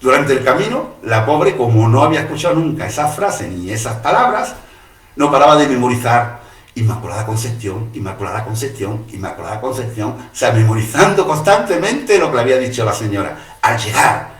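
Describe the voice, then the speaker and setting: A man telling a story in a dramatic, animated way and acting out the voices. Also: medium pitch, a little fast. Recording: roomy, distant mic.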